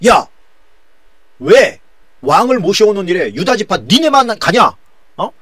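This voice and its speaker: A man's voice: sits high, big pitch swings, moderate pace, a bit bright, husky, no room sound, voice pushed up, exaggerated voice. A man voicing resentful tribesmen who complain indignantly about being left out.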